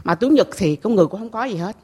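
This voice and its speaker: A middle-aged woman with a Southern Vietnamese accent gives an emotional personal testimony at a temple gathering. She speaks earnestly and haltingly, repeats herself, and keeps addressing the master. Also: mid-range voice, expressive, mellow, husky. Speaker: temple visitor telling her story.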